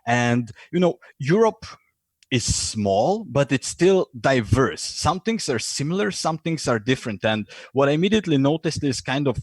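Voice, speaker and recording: A man with a Croatian accent talks as a podcast guest, stopping often with fillers and restarting his sentences. His voice sits at a middling pitch, and the recording is close and dry with no room sound. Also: sing-song, normal speed, dry recording. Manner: hesitant, many fillers and restarts, acts out voices in stories. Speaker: podcast guest, lean and innovation consultant. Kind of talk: conversational interview.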